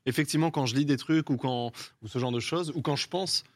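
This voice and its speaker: Male guest, mid voice, rapid, hesitant explainer, dry mic. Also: medium pitch, no room sound. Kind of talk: casual group chat.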